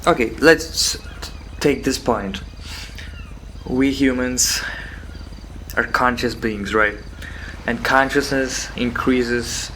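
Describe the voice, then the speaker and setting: A man giving a rambling philosophical monologue, musing haltingly with rhetorical questions and repeated phrases. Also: mid-range voice, sharp tone, low-quality recording. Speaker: solo host of a philosophical talk. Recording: background noise with insect and cricket sounds.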